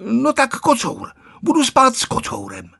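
A proud little boy who wants to seem big, pitched far above a grown man's voice, as a male narrator puts him on. He talks loud and eager, with a slightly husky edge and lively swings in pitch. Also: heavily acted. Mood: bold. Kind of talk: storybook character voice.

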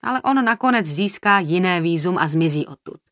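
A woman's voice: lowish voice, animated, no echo, clean studio sound, lightly acted. A woman reading as a reproachful family man. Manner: reproachful, insistent.

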